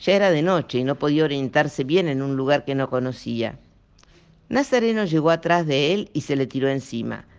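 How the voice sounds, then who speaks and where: A man, reading a children's story aloud as an expressive storyteller. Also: a little high, a little fast, creaky, clean tone. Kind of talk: audiobook narration.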